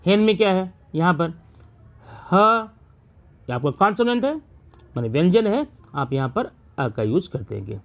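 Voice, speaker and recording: A man's voice: a little high, darkish tone. A male teacher explaining a grammar lesson step by step, asking questions and answering them himself.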